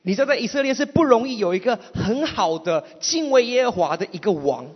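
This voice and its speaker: Male sermon interpreter, Malaysian accent, high voice, halting phrases, muffled hall sound. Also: lively intonation. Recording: muffled, long hall reverb.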